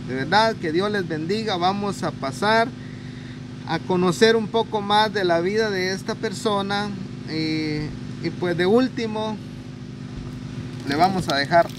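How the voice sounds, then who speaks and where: A man's voice: sits high, takes it slowly, pauses often. A man in his thirties with a Guatemalan accent, hosting a charity vlog outdoors, earnest and speaking straight to viewers. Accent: Guatemalan Spanish. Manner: earnest, religious phrases, addresses viewers. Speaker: host of a charity video channel. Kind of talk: casual vlog narration and interview. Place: outdoors in a rural yard under trees. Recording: outdoor recording with traffic noise.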